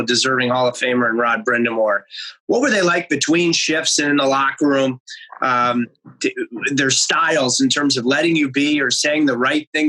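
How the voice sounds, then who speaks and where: A man's voice: mid-range voice, pushed and bright, low-quality recording. A man in his forties hosting a podcast, asking long rambling questions with frequent restarts. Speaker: podcast host, former color analyst. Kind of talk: conversational interview questions.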